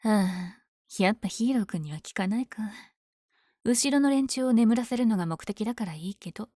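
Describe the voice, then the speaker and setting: Villainess for ASMR audio drama, female actor: dark velvety tone, cocky, smitten with her rival, teasing delivery, dry intimate sound. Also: mid-range voice, lively intonation, fairly quick, no echo, natural voice. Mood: bashful, confiding. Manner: teasing, breathy asides. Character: powerful flirtatious villain lady, smitten with her hero rival.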